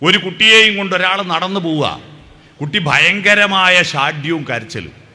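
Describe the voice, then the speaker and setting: Bright-voiced Malayali man giving a spiritual talk. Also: high voice, lively intonation, measured pace. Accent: Kerala Malayalam. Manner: storytelling, sings snatches of hymns, rhetorical questions. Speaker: spiritual speaker. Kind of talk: devotional talk with sung verses.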